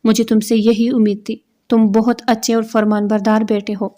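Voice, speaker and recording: A woman's voice: fairly high pitch, flat delivery, dark tone, natural voice. A woman voicing a stern firm father. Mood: gentle. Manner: firm, commanding. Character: stern fatherly older man, proud then furious.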